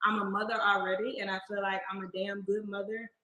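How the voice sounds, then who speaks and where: A woman's voice: mid-range voice, flat delivery, quick pace, bright, forceful tone, muffled recording. Young woman contestant from the southern US, easygoing, roomy echo. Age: 20s. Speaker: dating show contestant. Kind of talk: casual self-introduction.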